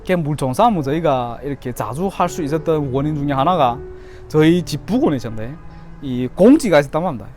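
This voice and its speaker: A man's voice: on the high side, expressive, fast, a little mellow, soft background music. A man in his thirties from Yanbian, China, with a Chinese-Korean Yanbian accent, telling stories casually to camera as a YouTuber. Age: 30s. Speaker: YouTuber telling childhood memories.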